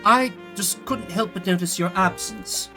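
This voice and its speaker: A man voicing a polite, reserved prosecutor in a video game, speaking with measured formality and quiet concern. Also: high voice, vocal fry, over music. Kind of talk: visual novel game acting.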